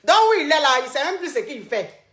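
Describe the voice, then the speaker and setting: A woman's voice: high voice, big pitch swings, fairly quick, fairly bright tone. A woman hosting an advice call, coaching a caller in a dramatic, teasing way and repeating her phrases over and over. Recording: roomy echo.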